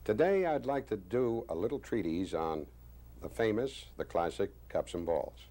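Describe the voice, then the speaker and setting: A man in his sixties, a magician presenting a demonstration with deliberate, showman-like, wryly self-praising patter. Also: fairly low pitch, animated, mellow. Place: small indoor studio stage with curtain. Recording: faint background noise.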